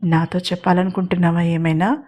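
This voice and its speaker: A woman's voice: on the low side, little pitch movement, brisk, mellow, lightly acted. A woman voicing a reserved young man who teases his sister and speaks tenderly to the woman he loves. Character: young man, reserved elder brother and gentle lover.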